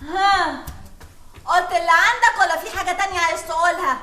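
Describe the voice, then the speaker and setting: An actress with an Egyptian accent playing a dramatic, doting young woman in a TV comedy, theatrical and excitable. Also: very high-pitched, quick pace, reverberant, soft background music. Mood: exasperated. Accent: Egyptian Arabic. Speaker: lead character Rora.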